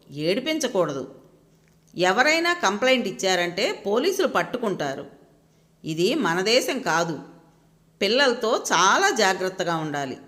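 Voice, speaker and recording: A woman storyteller reads an audio story with expressive, dramatic delivery. Her pitch moves a lot and she leans into the tension of the scenes. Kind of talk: scripted narration of an audio story.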